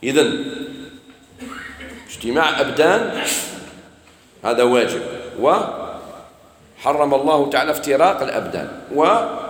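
A man's voice: mid-range voice, very animated, unhurried, long pauses. A man with an Algerian Arabic accent giving a religious lesson, explaining with questions he answers himself. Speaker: sheikh teaching Quran commentary. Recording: echoey hall, faint room noise.

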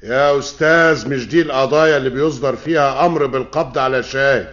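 An actor playing a stern, impatient judge in a classic radio drama, speaking Egyptian Arabic. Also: male voice, medium pitch, quick pace, fairly bright tone, close to an everyday voice. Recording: lo-fi old radio recording.

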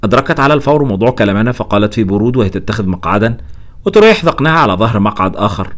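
A man narrating a novel aloud as an audiobook, in an animated storytelling manner. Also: on the low side, racing.

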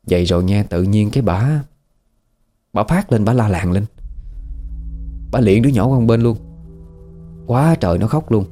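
Low, mellow-voiced Southern Vietnamese man. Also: animated, moderate pace, pauses often, faint music behind. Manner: chatty, conversational, asks the listener questions. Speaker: storyteller. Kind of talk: casual spoken horror storytelling.

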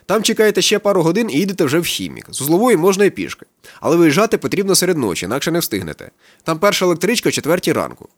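A man reading an audiobook, voicing a cheerful, naive chubby young man who talks eagerly and chattily, pitching his voice up and speaking louder. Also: sing-song, racing, no room sound. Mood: chatty. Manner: eager, chatty, slightly slangy.

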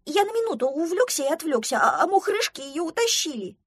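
A tiny young duckling from a storybook, easily upset and quick to wail, its voice shrill and lively, as a woman acts it out. The sound is dry and close. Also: gravelly, no room sound. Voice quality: shrill, crying out.

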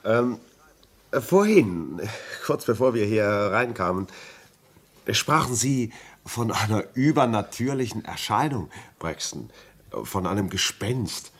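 An actor playing a curious, friendly visiting gentleman in a classic radio play, lively and coaxing, often chuckling. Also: lowish voice, takes it slowly, slightly rough, heavily acted. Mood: genial. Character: curious, genial visiting gentleman, brisk and reassuring. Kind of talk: classic radio drama acting.

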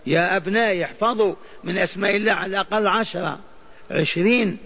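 A man's voice: sits high, quick pace, a bit bright, breathy edge. An older man giving a mosque lesson on hadith, putting questions to his listeners and answering them himself. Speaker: Islamic scholar teaching hadith. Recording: dull lo-fi archive recording.

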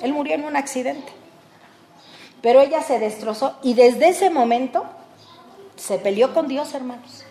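An older woman with a Mexican accent preaching a folksy, conversational sermon, calling her listeners "brothers" and swinging between loud and hushed. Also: sits high, measured pace, long pauses, roomy sound. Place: church hall.

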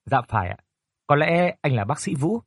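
A man's voice: a little high, sing-song, moderate pace, no room sound, clean studio sound. A man voicing a frantic, tearful mother. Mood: polite. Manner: anxious, fussing, pleading. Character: worried, tearful middle-aged mother.

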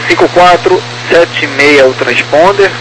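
A man with a Brazilian accent giving procedural air traffic clearances over an aviation radio. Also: a little high, slow. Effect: aviation radio transmission. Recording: noisy aviation radio with background hum.

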